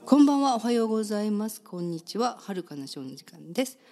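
A woman with a Kansai accent hosting a community radio talk show in a studio, chatty and quick to laugh, her voice slightly hoarse. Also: mid-range voice, big pitch swings, warm tone, faint music behind. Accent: Kansai Japanese. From Kansai, Japan. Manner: chatty, laughs often, many fillers.

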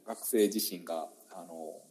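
A man with a Kansai accent, a teacher chatting as a guest in a relaxed interview, with many fillers and a mind to slowing down. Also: low-pitched. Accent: Kansai Japanese. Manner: chatty, many fillers, mindful of speaking slowly. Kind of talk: casual interview talk.

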